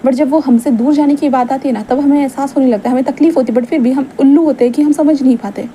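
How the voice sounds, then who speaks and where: Nosy young male friend, a woman reading him, teasing and coaxing, high and mellow. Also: steady tone, fast talker, a little hiss or hum, lightly acted.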